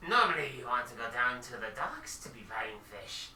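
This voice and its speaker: A man's voice: medium pitch, big pitch swings, normal speed, reverberant, far from the mic, very noisy, close to an everyday voice. Man putting on a sly shadowy shopkeeper. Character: shady shopkeeper in a trench coat, man.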